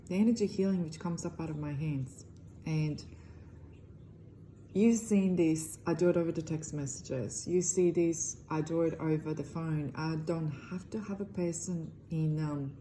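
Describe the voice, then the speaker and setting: A woman's voice: low voice, warm tone, a little hiss or hum, rough recording. A middle-aged woman from Croatia with a Croatian accent speaks earnestly to camera as an energy healer, in loosely phrased English. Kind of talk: direct-to-camera self-promotion.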